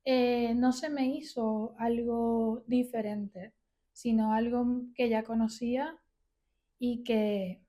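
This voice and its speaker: A Venezuelan woman in her thirties, speaking with a Venezuelan accent, tells stories casually as a podcast guest. Her voice is a little high and warm, with a steady tone and a slow pace.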